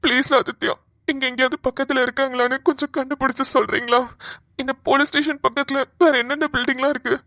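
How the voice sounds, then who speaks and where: A woman voicing a timid, lovesick young man in a cartoon, talking softly and hesitantly. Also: sits high, steady tone, fast, no echo, clean studio sound. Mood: pleading. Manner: soft, hesitant, pleading. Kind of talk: cartoon voice acting.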